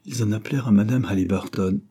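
Man, audiobook narration, low pitch, breathy, measured. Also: warm tone. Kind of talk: scripted narration.

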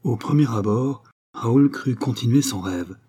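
A man narrating a novel as an audiobook, in a measured storytelling manner. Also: medium pitch, warm tone, slightly rough. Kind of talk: scripted narration.

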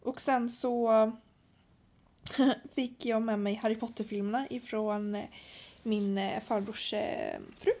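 A woman's voice: a little high, fairly even intonation, a little mellow. Hesitant young woman chatting. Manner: hesitant, with many fillers and pauses. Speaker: podcast co-host. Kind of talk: casual chat.

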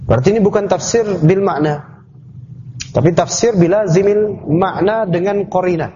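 Over background noise, a high-pitched Islamic teacher moves at a moderate pace through a tafsir lesson in class, unpacking terms step by step and asking students questions. It's a dull, lo-fi classroom recording.

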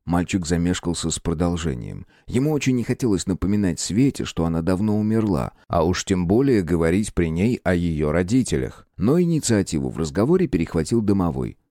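Low dark male voice reading a storybook, lively intonation, dry close mic. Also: dry recording. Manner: measured storytelling. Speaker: audiobook narrator. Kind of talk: scripted narration.

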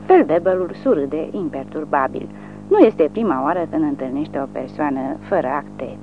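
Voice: medium pitch, big pitch swings, noisy background. An audiobook narrator reading a war novel in a dramatic, widely varying delivery. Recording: narrow phone-like sound, faint music.

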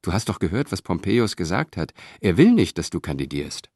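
A man's voice: deep voice, sing-song, brisk, a little mellow, no echo, studio quality, exaggerated voice. A man reading an audiobook, voicing a cautious, worried Roman who speaks with anxious doubt.

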